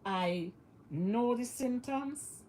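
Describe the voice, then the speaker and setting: With a fairly high, darkish voice and drawn-out words, a West Indian vlogger talks informally to her viewers straight to camera. She's ill, so she sounds congested and nasal, and she repeats phrases for emphasis over a slight hiss or hum.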